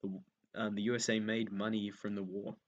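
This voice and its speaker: Low-voiced man repeating revision notes aloud. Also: little pitch movement, brisk, dull audio, slight background noise. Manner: thinks aloud with many ums, repeats key points as he writes them down. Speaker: history revision tutor. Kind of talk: unscripted revision lesson while writing notes.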